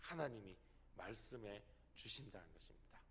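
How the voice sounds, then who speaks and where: A male pastor giving an impassioned, dramatic sermon that swings between loud and soft passages. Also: fairly low pitch, lively intonation, moderate pace, long reverb tail, a little hiss or hum.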